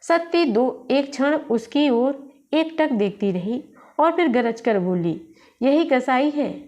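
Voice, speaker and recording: A woman reading a literary short story aloud in a steady, measured way. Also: sits high.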